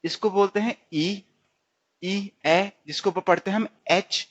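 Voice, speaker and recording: In a recorded stenography tutorial, a man speaks slowly in a high-pitched, slightly bright voice. He repeats words, quizzes himself, and says "theek hai" frequently, all captured in a dull lo-fi recording.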